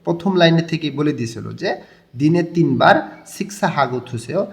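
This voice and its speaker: A young man with a Bangladeshi Bengali accent teaches a language lesson. He talks quickly in a slightly high voice, walking through each point and repeating the key words. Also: expressive, creaky. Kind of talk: explaining a textbook lesson.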